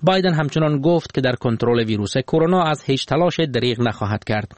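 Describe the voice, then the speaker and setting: A man with an Afghan Dari accent presents the news at a mid pitch. He reads steadily and formally. The recording is dry and close. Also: lively intonation, no room sound. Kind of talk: news report.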